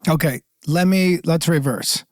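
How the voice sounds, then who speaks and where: A man's voice: on the high side, a little slow, dry recording. Male co-host, playful scene director, chuckles through takes; dry close mic. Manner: directing, breaks into laughter. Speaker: podcast co-host. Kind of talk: comedic role-play coaching.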